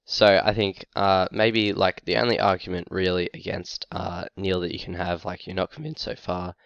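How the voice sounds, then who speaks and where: A sick man, short of breath and coughing, talking to camera in a halting, casual way with many ums and uhs. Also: low-pitched, steady tone, vocal fry, fairly bright tone, dry recording, muffled recording. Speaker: fantasy football YouTuber.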